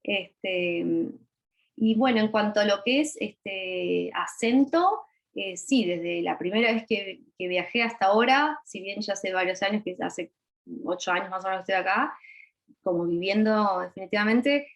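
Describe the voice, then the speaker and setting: A woman from Argentina with an Argentine Spanish accent, in her thirties. She speaks on a video call as a panelist. Her talk is shy and halting, full of fillers and restarts. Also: medium pitch, poor audio. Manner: shy, hesitant, many fillers.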